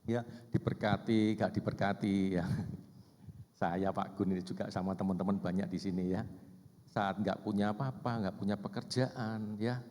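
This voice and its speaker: A man's voice: on the low side, steady tone, normal speed, a little mellow, a little hiss or hum. A man leading a church seminar for couples, often asking the audience questions and tagging "Bapak Ibu ya" onto his sentences. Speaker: seminar speaker. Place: church hall. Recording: hall with long reverb.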